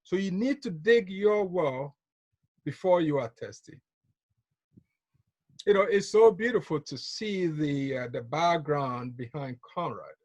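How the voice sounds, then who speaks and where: Ghana-born guy on a video call, highish voice, dry sound, keeps repeating his main point. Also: animated, unhurried, a little mellow, no echo, highs cut off. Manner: storytelling, repeats key phrases, chuckles often. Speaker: business trainer. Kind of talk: motivational talk on a call.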